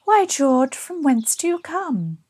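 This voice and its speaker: A prim young lady of the manor, as a woman puts her on, speaks in a high, lilting, plummy voice. She sounds breathy and genteel, like a lady in a period-drama spoof. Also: sing-song, slow, darkish tone, exaggerated voice.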